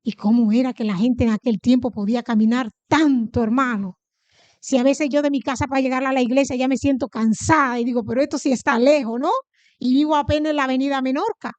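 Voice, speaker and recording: Preaching to her church, a woman from the Dominican Republic keeps questioning the congregation and then answering herself, her high voice carrying a Dominican Spanish accent. She speaks briskly in a steady, darkish tone. The audio is close and dry, with little room echo.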